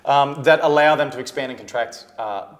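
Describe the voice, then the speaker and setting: Plain-spoken Australian tradesman, mid-pitched. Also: a little fast. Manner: plain-spoken tradie talk, explaining practically. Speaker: tradesman guest explaining fixings. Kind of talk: casual instructional chat.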